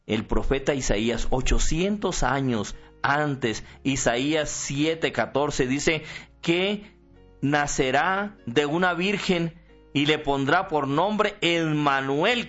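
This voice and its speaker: Priest guy giving a radio sermon, muffled sound, soft music under it, keeps asking "right?". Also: a little high, slow. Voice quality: animated teaching, rhetorical questions.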